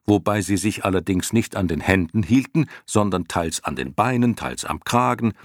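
A man reading a story aloud, expressive and varied as he tells it. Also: lowish voice, moderate pace, no echo, clean studio sound. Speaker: narrator. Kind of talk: audiobook reading.

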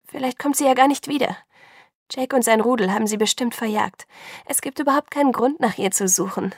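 Give me an anxious, emotional teenage girl, read by a woman in an audiobook, with a slightly gravelly voice. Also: a little high, fairly quick, dry recording, clean studio sound, voice pushed up. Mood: defensive. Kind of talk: audiobook reading.

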